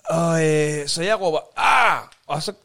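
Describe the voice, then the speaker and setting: A man's voice: medium pitch, lively intonation. A man co-hosting a podcast, telling a long story in casual chat with lots of fillers and restarts. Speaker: podcast co-host.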